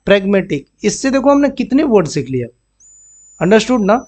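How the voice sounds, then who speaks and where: A man's voice: high voice, sing-song, a little fast, darkish tone. A man teaching vocabulary in a classroom style, often repeating words and checking with "understood?". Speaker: banking exam vocabulary teacher. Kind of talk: Hindi-English classroom explanation.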